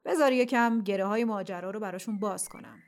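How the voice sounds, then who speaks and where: A woman's voice: mid-range voice, natural voice. A woman voicing a kind, wise wandering bird. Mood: cheerful. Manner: warm, reassuring, talkative.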